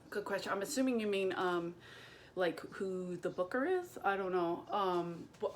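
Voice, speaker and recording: A woman's voice: mid-range voice, slight background noise. A woman stand-up comedian talking straight to a camera propped on boxes and books at home. She tells a story in a loose, casual way, full of swearing. She acts out the voices of the people in it as she goes. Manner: profane, animated storytelling with acted-out quotes.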